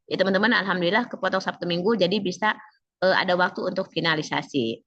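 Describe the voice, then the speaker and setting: Slightly hoarse woman instructor, bright voice. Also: on the low side, fast talker, dry recording, highs cut off. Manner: chatty, quizzes students by name. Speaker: civil service training instructor. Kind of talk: online class coaching.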